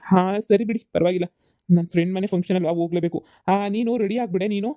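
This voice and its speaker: A performer voicing a patient young village husband in a cartoon comedy, giving calm instructions. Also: medium pitch, fairly quick, no room sound, close to an everyday voice. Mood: instructing. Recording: dull lo-fi dry recording.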